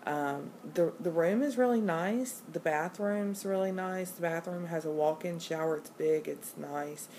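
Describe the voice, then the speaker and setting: Low-voiced woman vlogging while recovering from surgery. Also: a little mellow. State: recovering a day after surgery, gassy with burps and hiccups. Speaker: patient vlogger. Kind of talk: casual personal vlog, recounting an experience. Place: hotel room. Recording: noticeable background room noise.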